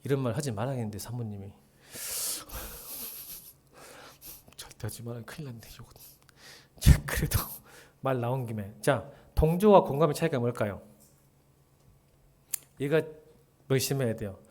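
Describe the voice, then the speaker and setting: A man's voice: mid-range voice, moderate pace, pauses often, dark tone. A middle-aged male pastor giving a casual sermon, chatty and joking, who acts out dialogue and often drops to a murmur.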